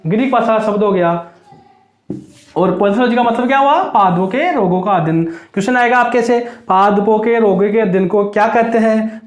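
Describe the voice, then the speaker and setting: Guy teaching exam prep, high voice, asks then answers low, lots of room echo. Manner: drills students with repeated question and answer. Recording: echoey room.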